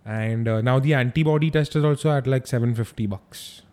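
Slangy Indian man with a mellow voice. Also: medium pitch, fairly quick. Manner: slangy, emphatic repetition of phrases. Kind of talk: casual chat.

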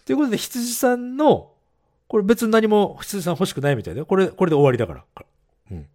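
A man's voice: sits high, lively intonation, fast, darkish tone. A man co-hosting a casual podcast, reading listener letters, laughing often and explaining English phrases. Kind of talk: casual bilingual chat.

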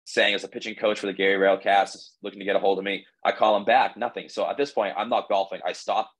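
Man in his twenties, low voice, casual rambling storytelling, lots of "like" fillers. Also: little pitch movement, fast talker, slightly rough, poor audio. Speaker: podcast guest, baseball pitcher.

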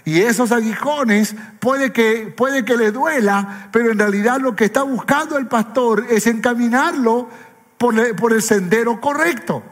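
A man's voice: extremely high pitch, unhurried. A male pastor preaching a sermon with impassioned, repetitive phrasing. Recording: echoey hall with faint music.

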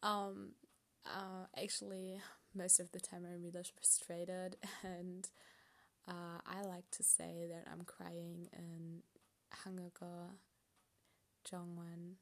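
Slow, gravelly young German woman. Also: lowish voice, completely flat delivery. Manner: hesitant, rambling, laughs often, many fillers. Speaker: podcast host. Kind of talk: casual solo podcast talk.

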